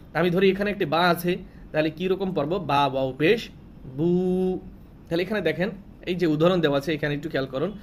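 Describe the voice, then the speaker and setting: A man with a slightly high voice teaches a recitation lesson in a steady classroom manner. He poses questions and then answers them himself, stretching sounds out to show long vowels. Faint noise hums under the recording. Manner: asks questions and answers them himself, repeats rules to memorize; draws out sounds when showing long vowels. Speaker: Quran reading teacher.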